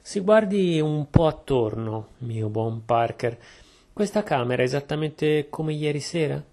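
A man voicing a shrewd, calm Belgian detective who speaks in a measured, deliberate way. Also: medium pitch, vocal fry, husky. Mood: calm, probing.

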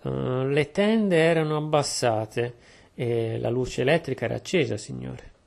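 A man's voice: medium pitch, a little slow, gravelly, darkish tone. A man voicing a polite, deferential butler who answers formally. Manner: formal and respectful.

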